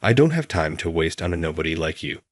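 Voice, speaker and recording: A man's voice: very deep voice, sing-song, fast, no echo, studio quality, heavily acted. A man voicing an arrogant male boss who mocks and looks down on others. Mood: sneering. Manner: mocking, condescending.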